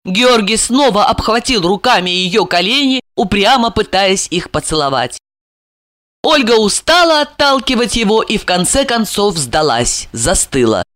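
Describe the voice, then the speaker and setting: A woman narrating an audiobook in an expressive, dramatic reading style. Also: normal speed, no room sound, studio quality. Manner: expressive, acts out the heroine with high cries.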